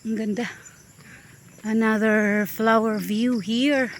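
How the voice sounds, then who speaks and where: Slow-talking breathless Cebuano woman. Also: on the high side, fairly even intonation. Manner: chatty, exclaims at sights along the way. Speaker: vlogger. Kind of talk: casual walking vlog. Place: outdoors on a hillside path.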